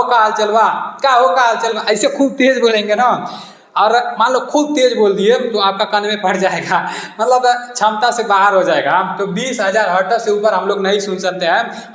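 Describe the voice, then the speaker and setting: High-voiced man teaching quiz answers. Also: fairly bright tone, reverberant. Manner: repetitive, asks each question twice and answers it. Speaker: exam coaching teacher. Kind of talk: quiz lesson going through answers.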